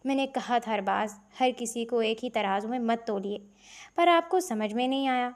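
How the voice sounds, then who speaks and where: A woman reading the lines of a calm, amused young male friend who tries to soothe. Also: fairly high pitch, natural voice.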